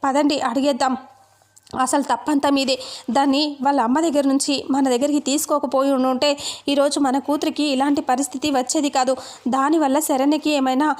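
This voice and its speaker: A woman's voice: high-pitched, level tone, a little fast, darkish tone, close to an everyday voice. A woman reading a scolding angry mother. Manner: scolding, harsh. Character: scolding middle-aged mother.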